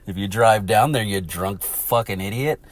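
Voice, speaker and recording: A man's voice: on the low side, moderate pace, no room sound. An American man from Texas with a congested, blocked-nose voice, hosting a casual, rambling, sweary sports chat. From Texas, United States. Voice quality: stuffy, congested nasal voice. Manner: rambling, profane. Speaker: podcast host.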